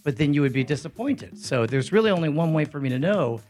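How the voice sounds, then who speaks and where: A man's voice: fairly high pitch, expressive, fast, darkish tone, faint music behind. A man co-hosting a comedy podcast, playful and jokey in casual banter. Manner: playful, jokey, mock newsreader bits. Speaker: podcast co-host.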